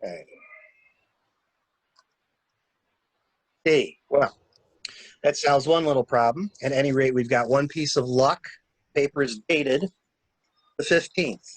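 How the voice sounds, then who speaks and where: In an amateur mystery drama reading, a man voices a cool-headed gentleman stranger who takes charge of a cover-up with brisk wryness. His medium-pitched, natural voice sounds brisk and calculating on a low-quality recording with no echo.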